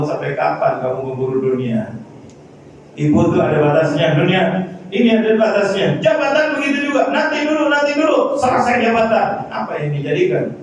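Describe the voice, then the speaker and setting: A man preaching a Ramadan sermon, firing rhetorical questions at the crowd and sliding into a drawn-out, chanted prayer cadence. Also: high voice, a little hiss or hum. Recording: echoey lo-fi sound from far off.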